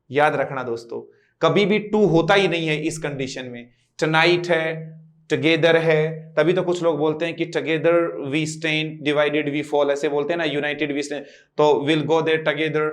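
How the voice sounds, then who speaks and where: A man who teaches English at a coaching class gives a classroom lecture. He speaks with a Hindi accent, explains each step, asks the class questions and draws out key words slowly. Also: on the high side. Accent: Hindi-influenced English.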